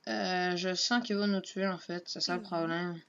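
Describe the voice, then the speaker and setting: A woman's voice: fairly low pitch, little pitch movement, moderate pace, a crowd in the background. A woman giving casual, offhand commentary while playing a game, muttering her moves to herself. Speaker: let's play gamer. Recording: dull lo-fi home mic with faint noise.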